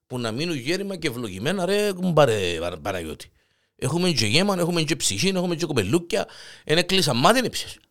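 A man's voice: fairly high pitch, sing-song, a bit bright. A man voicing a fed-up, sleepless male neighbor who pleads and groans, with a Cypriot Greek accent. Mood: pleading. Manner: whiny, pleading, groans and sighs.

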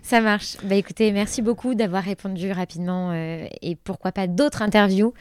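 A woman's voice: medium pitch, steady tone, normal speed, a little mellow, clear, resonant tone, no room sound. A woman hosting a podcast interview, asking questions and giving brief acknowledgements.

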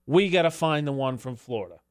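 A man co-hosting a radio show and running a call-in game, animated and incredulous, often repeating himself. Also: medium pitch, quick pace, no room sound, studio quality. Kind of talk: morning radio banter. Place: radio studio.

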